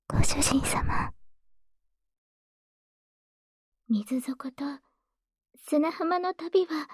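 A woman playing a gentle, devoted maid who soothes her master with formal politeness in a soft, breathy ASMR role-play. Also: extremely high pitch, no room sound, clean studio sound. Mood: tender, soothing.

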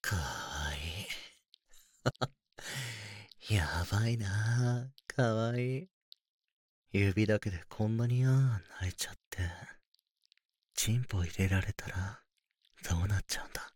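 Guy doing a low husky older brother, whispered role-play, soft teasing murmur. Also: lively intonation, slow, long pauses, no room sound, heavily acted. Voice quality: breathy. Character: teasing, doting older brother, young adult man. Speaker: voice actor.

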